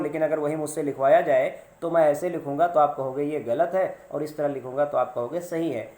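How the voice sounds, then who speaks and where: A man with a slightly high voice teaches a grammar lesson, working through examples one by one. He repeats points patiently and asks his viewers questions before answering them. The recording carries a roomy echo. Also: a little mellow.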